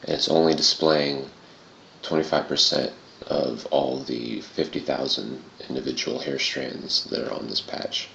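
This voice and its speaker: A man with a gravelly, throaty voice, casually narrating a software tutorial in a muffled, roomy home recording. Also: extremely low pitch, flat delivery, a little slow, a little hiss or hum. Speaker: tutorial presenter.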